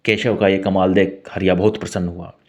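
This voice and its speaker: Brief: low male narrator, steady scripted storytelling. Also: brisk.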